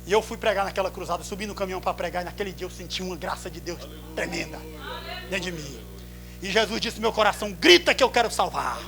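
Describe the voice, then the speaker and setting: High-pitched fervent Brazilian preacher. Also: male voice, music in the background. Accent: Brazilian Portuguese. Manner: fervent, swings from hushed storytelling to drawn-out shouts. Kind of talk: sermon. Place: church service.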